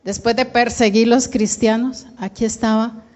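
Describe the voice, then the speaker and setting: A woman's voice: on the high side, steady tone, normal speed, darkish tone. A woman with a Colombian Spanish accent preaching a sermon, asking the congregation questions and calling them to answer. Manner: calls out to the congregation, asks questions. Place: church hall. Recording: long church reverb.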